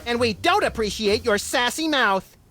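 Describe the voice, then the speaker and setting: A man's voice: very high-pitched, animated, moderate pace, pushed and bright, heavily acted. An actor playing a small, manic, gleefully violent male rabbit sidekick in a comic cartoon game, impish and wisecracking. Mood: gleeful aggression.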